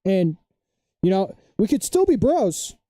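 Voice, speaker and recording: Young man, streamer, very dark mellow voice, dry close sound, excitable, rambling, opinionated. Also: high voice, a little slow, no echo. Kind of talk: casual live-stream chat.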